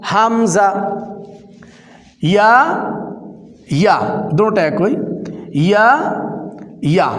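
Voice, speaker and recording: A man teaching adult beginners to pronounce the Arabic letters of the Quran, explaining patiently and repeating each letter several times. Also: sits high. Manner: repeats each letter aloud, louder on drilled sounds. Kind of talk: slow, patient pronunciation lesson. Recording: echoey room with long reverb.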